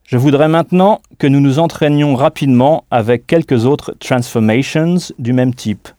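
A man's voice: mid-range voice, warm tone, dry recording, studio quality. A man teaching a scripted audio language lesson, carefully modelling pronunciation and spelling words out letter by letter. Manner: models pronunciation slowly and deliberately.

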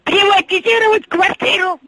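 A woman's voice: very high-pitched, fairly even intonation, moderate pace, bright, forceful tone, dry recording, poor audio. An older woman on the phone who cannot hear well, repeating herself in confusion.

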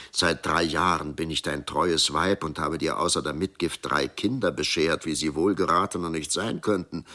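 A man's voice: sits low, bright, forceful tone. A man voicing a pious young wife who coaxes and presses her husband for answers. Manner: pleading, coaxing.

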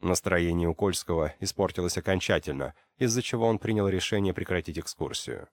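A male narrator reads a novel in a steady, measured way. His voice sits very low. The sound is dry and close to the mic. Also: no echo. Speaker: audiobook narrator. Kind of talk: scripted narration.

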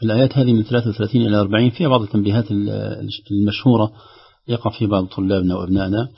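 A man teaching the rules of Quran recitation, speaking slowly and repeating words to show how they are pronounced. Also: on the low side, fairly even intonation, gravelly, slightly rough, muffled recording. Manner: slow, deliberate, repeats words to demonstrate pronunciation.

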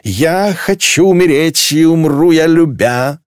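Drunk clingy girl, shrill and slurred; a man doing the voice, dry close read. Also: slow pace, smooth, no room sound. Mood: tipsy, clingy. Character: drunk, clingy young woman at a feast.

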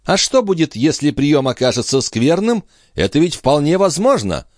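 A man reading an audiobook, voicing a breezy, impudent gentleman. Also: a little high, very animated, moderate pace, dry recording, clean studio sound, pitched above the performer's own voice. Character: cheeky, insolent grown man, the countess's brother-in-law.

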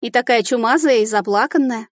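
Woman doing a bright young fairy, amused, lilting, playful, curious, dry close read. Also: a little high, fairly quick, dry recording, pitched above the performer's own voice, lightly acted.

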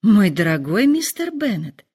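A woman voicing an excitable, fretful middle-aged mother who speaks in high, gushing exclamations. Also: measured pace, breathy edge. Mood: excited.

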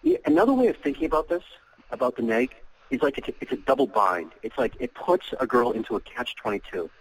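Casting note: man, guest on a chat show, animated delivery with some vocal fry. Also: medium pitch, fast, a little hiss or hum, low-quality recording. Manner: lively, gives playful example lines. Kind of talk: casual podcast chat.

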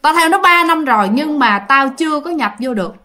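A woman voicing a ravenous male ghost that possesses a boy, with a gruff, booming voice and slow, menacing demands. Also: lively intonation, pushed and bright. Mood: grim.

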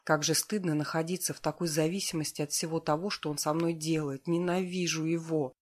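A woman's voice: sits low, fairly even intonation, a little fast. Woman narrating a first-person novel. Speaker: audiobook narrator.

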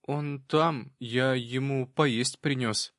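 A man's voice: mid-range voice, fairly even intonation, slow pace, fairly bright tone, no echo, clean studio sound, voice pushed up. A man voicing a shy young village boy in a storybook reading, timid at first and plain-spoken. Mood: childlike. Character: shy village boy, carefree once bold.

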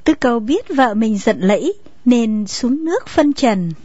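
A woman narrating a story in a steady storytelling manner. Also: on the high side, unhurried, husky, no echo. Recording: dull lo-fi recording, faint music.

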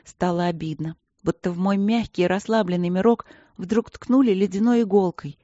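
A woman narrating an audiobook in the first person, calm and reflective. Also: medium pitch, normal speed, no echo, dull audio.

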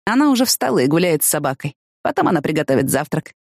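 A woman voicing a reserved young man in an audiobook, speaking softly and low-key. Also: very animated, fast talker, gravelly, no room sound, clean studio sound, exaggerated voice. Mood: gentle. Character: young man, reserved, gently teasing lover.

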